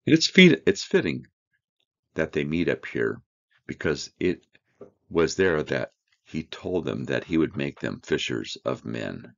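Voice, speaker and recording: A man teaching a verse-by-verse Bible study, reading scripture aloud and explaining it with slow, earnest emphasis. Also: a bass voice, big pitch swings, creaky, a bit bright, lo-fi sound.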